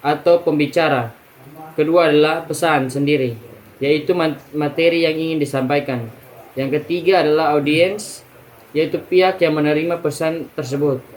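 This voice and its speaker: Young male student presenter, slightly high voice, reads points in order, clears throat between items. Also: a little hiss or hum, low-quality recording. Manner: steady, list-like delivery with restarts and throat clearing. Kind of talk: reading a class presentation.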